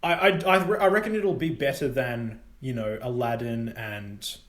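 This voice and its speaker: A young man co-hosting a casual film chat, hopping between topics with bursts of excitement. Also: mid-range voice, normal speed. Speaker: podcast co-host. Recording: roomy echo.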